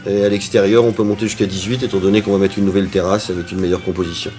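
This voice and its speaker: A man's voice: deep voice, level tone, rapid-fire, darkish tone. A man who owns and cooks at a restaurant, answering interview questions in a chatty way with frequent hesitations. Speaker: restaurant owner and cook.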